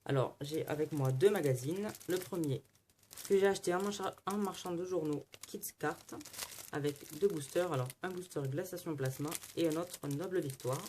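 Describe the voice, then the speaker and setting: In a casual unboxing chat, a man opens card packs and leafs through magazines, talking the whole way in a chatty running commentary. He speaks at a moderate pace in a higher, slightly mellow voice, with a little hiss or hum on the recording.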